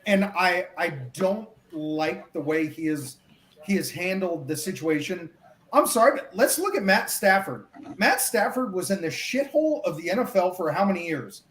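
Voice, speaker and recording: A man's voice: high-pitched, lively intonation, moderate pace, fairly bright tone. A man in a casual sports debate, argumentative and often stumbling over his words. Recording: echoey room, faint background hum.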